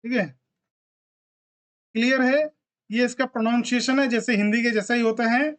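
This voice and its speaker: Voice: mid-range voice, steady tone, normal speed. Patient teacher drilling letter sounds. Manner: drills sounds one by one with frequent check-ins. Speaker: language teacher. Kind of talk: classroom lesson.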